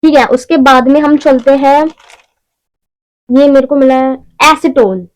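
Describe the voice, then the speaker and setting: A woman's voice: sits high, fairly even intonation, measured pace, low-quality recording. A young woman talking casually through a beauty haul at home, chatty and rambling with self-mocking asides. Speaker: beauty vlogger. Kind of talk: casual shopping haul vlog.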